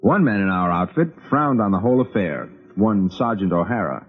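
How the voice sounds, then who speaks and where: An actor playing a reflective cavalry officer, narrating an old-time radio drama in a measured storytelling way. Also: male voice, fairly low pitch, sing-song, faint music behind. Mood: wry storytelling. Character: reflective male cavalry officer recounting his memories. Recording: tinny phone-like vintage radio recording.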